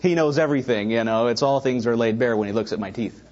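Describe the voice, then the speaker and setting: A man's voice: mid-range voice, fast talker, dull audio. A middle-aged man preaching a sermon, telling personal stories with asides to the congregation. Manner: animated storytelling with asides to the congregation. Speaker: pastor.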